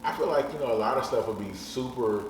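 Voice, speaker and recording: A man in his thirties appears as a podcast guest, talking fast in a mid-range voice, blunt and frank, with casual swearing. He's off-mic in an echoey room, recorded from a distance with faint noise.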